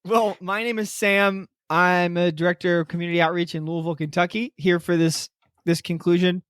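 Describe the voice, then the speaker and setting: A man's voice: sits high, little pitch movement, a little fast, fairly bright tone, clean tone, no echo, clean studio sound. Laid-back man, podcast co-host. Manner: laid-back, laughs along, keeps the talk moving. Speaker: podcast co-host, community outreach director. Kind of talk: casual podcast chat.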